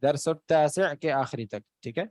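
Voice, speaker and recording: A man's voice: fairly high pitch, a little mellow, no echo. A man teaching an Arabic class online in Urdu, patiently explaining words and checking in with his students. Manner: patient, keeps checking with "okay". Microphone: online video call.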